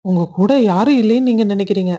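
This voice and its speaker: A woman voicing a kind young man in a cartoon love story who speaks earnestly and reassures gently. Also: mid-range voice, quick pace, muffled recording, lightly acted.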